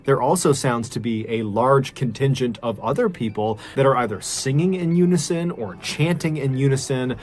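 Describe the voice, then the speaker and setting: Man, horror story narration, suspenseful, dramatic, middle-pitched voice. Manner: suspenseful, builds tension with repetition.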